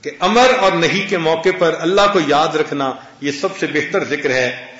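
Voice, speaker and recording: Guy preaching a sermon, high lively voice, echoey muffled recording. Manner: storytelling, quoting Arabic and scripture. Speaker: religious scholar.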